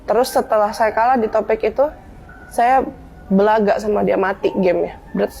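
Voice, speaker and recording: A woman's voice: medium pitch, normal speed, creaky, slight background noise. A young woman speaking in a casual interview, telling her story with energy and acting out the lines of an old argument in slangy speech. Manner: animated storyteller acting out quoted dialogue with slangy asides.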